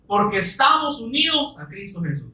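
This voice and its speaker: A man preaching a sermon earnestly, asking many rhetorical questions and quoting scripture slowly and with emphasis. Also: high-pitched, sing-song, pushed and bright. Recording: roomy echo, distant mic.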